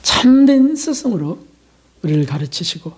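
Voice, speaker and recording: Male pastor, warm dark voice, chatty sermon delivery that slips into acted prayers. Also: sits high, sing-song, moderate pace, slightly rough. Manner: conversational preaching with rhetorical questions; acts out short prayers and dialogues.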